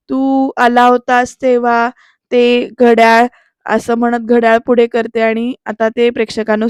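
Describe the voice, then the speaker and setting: A woman's voice: fairly high pitch, a little mellow, clean tone, dry recording. A woman giving a voice-over recap of a TV serial episode, retelling the scenes in a chatty way and often speaking straight to her viewers.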